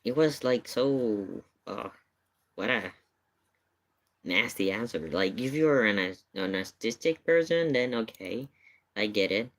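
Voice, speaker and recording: With a medium-pitched, expressive voice at a measured pace, a video-reaction streamer rambles through a story during a casual livestream. The wording comes out hesitant and repeats itself.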